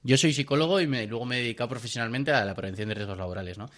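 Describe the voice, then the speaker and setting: A man's voice: mid-range voice, racing, fairly bright tone. A young man co-hosting a comedy podcast, telling rambling workplace anecdotes in casual chat. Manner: rambling, self-correcting anecdotes with laughs.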